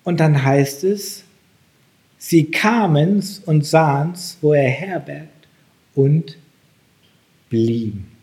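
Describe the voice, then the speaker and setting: Slow, emphatic male preacher. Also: fairly high pitch, darkish tone. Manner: slow, emphatic, rises sharply on key phrases. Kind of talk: sermon.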